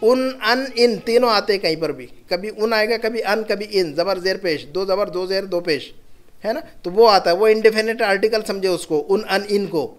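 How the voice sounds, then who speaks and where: High-voiced man teaching grammar patiently. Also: normal speed. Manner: patient, repeats examples aloud. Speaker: Arabic teacher. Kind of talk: classroom grammar lesson.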